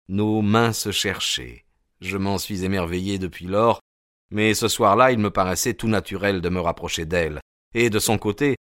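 A man giving measured, scripted narration of a detective story as an audiobook. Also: fairly low pitch, fairly bright tone, dry recording, studio quality.

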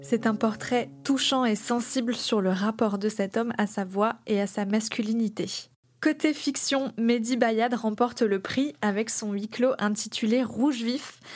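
A woman's voice: on the high side, normal speed, darkish tone. A woman journalist hosting a podcast, reading scripted narration.

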